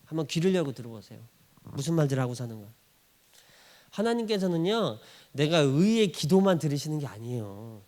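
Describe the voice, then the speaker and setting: A man's voice: fairly high pitch, very animated, a little fast, darkish tone. A male pastor preaching a sermon in a church, acting out quoted voices and laughing often.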